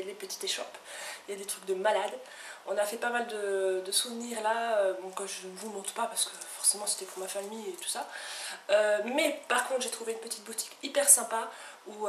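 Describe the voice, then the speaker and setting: A woman vlogger chatting casually to camera, enthusiastic and full of fillers. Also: medium pitch. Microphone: camcorder. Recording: echoey room, somewhat far from mic, faint noise.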